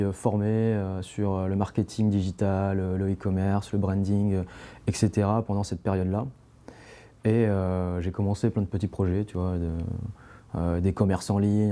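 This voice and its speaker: A man's voice: lowish voice, dark tone. A young man, a podcast guest, talking casually and rambling with many fillers and restarts. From France. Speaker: interview guest, climbing brand founder.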